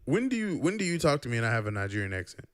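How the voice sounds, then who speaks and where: Racing along in a smooth, mid-range voice, a young man hosts a laid-back podcast, poking fun at his guest and directing where the chat goes.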